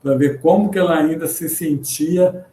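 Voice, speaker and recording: A man with a Brazilian Portuguese accent giving a religious lecture over a video call, earnest and halting, with repeated fillers. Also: a little high, mellow. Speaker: spiritist lecturer. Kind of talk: religious lecture with read-out passages. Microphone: computer mic in a video call. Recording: roomy echoey video-call audio.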